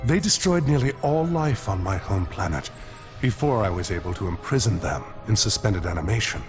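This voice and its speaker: An actor playing a solemn, noble Martian superhero in a video game cutscene, with a formal, grave delivery. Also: male voice, on the low side, animated, moderate pace, music in the background, natural voice.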